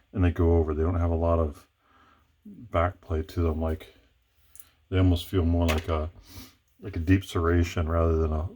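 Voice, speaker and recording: A man's voice: deep voice, dark tone. A man thinking aloud as he works through a lock-picking task, hesitant and correcting himself as he goes. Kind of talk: thinking aloud while working.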